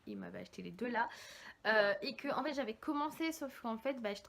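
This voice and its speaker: A chatty young woman talks through a pile of books, rambling and correcting herself as she goes. Her voice sits fairly high, with a faint hiss of noise underneath. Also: brisk, vocal fry. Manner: chatty, rambling, lively, many fillers and self-corrections. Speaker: book vlogger. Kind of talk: casual chat.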